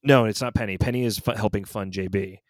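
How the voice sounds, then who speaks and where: A man's voice: fairly low pitch, fairly even intonation, fast talker, no room sound. A man in his forties co-hosting a podcast, chatting casually and rambling through stories with frequent self-corrections. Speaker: podcast co-host. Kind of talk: casual chat.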